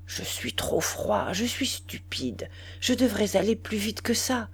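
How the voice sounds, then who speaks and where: A woman reads a young husband from a storybook, speaking low and hushed, sometimes sinking almost to a whisper. He sounds eager but awkward. The reading moves slowly and gently. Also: slightly rough. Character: young man, bold suitor, awkward with his new wife.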